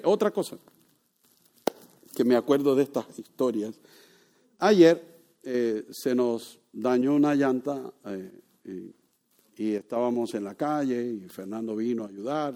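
A pastor preaching a sermon built on personal stories. He talks casually and asks the congregation questions, then turns loud and emphatic when he drives his point home. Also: medium pitch.

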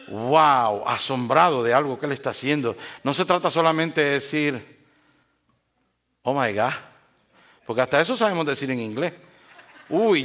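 A male pastor, preaching an animated sermon and joking with his congregation. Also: on the high side.

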